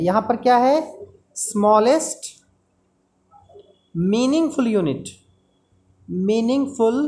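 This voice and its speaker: A woman's voice: medium pitch, a little mellow. A woman teaching a lesson in Hindi with terms, explaining step by step and repeating key terms. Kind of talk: classroom lecture.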